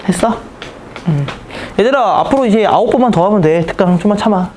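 Thirties math teacher, lively pitch, blunt teasing classroom banter, faint background noise. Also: brisk. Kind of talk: casual classroom lecture.

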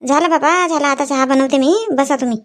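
A woman's voice: high-pitched, fairly quick. A woman playing a village wife in a comic sketch, teasing and scolding her husband.

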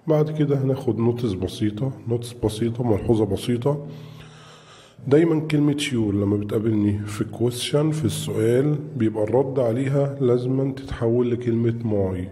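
A man's voice: mid-range voice, brisk, mellow, in a large hall. A man with an Egyptian Arabic accent reviewing a beginner English lesson for parents, saying each English word twice and then its Arabic meaning. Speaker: English teacher. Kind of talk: recorded lesson review for young pupils.

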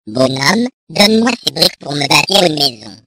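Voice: mid-range voice, very animated, moderate pace, sharp tone, slightly rough, no echo, exaggerated voice. A reader voicing a clever little pig in a storybook reading, answering with stubborn, cheeky replies.

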